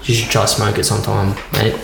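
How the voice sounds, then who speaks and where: A man's voice: fairly low pitch, level tone, brisk. An Australian man chatting casually as a podcast co-host, with the laid-back, slangy manner of an Aussie tradesman. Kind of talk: casual banter. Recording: echoey room with clear background noise.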